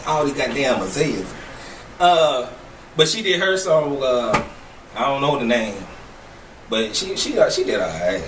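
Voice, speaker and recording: A man's voice: medium pitch, very animated, unhurried, pauses often. A man casually co-hosting a chat show, rambling with many fillers and laughing often. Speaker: co-host. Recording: echoey room, far from mic, faint noise.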